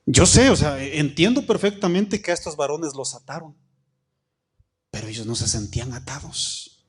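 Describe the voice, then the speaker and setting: A man's voice: on the high side, animated, slightly rough. Man preaching a sermon. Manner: preaching with call-and-response questions to the congregation; reads scripture slowly, stretching key phrases. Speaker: pastor.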